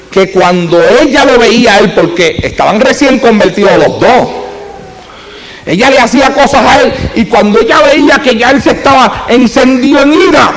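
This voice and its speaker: A male pastor with a notably high voice preaches a sermon in storytelling fashion. He moves between hushed, close passages and fervent, raised exhortations. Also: low-quality recording.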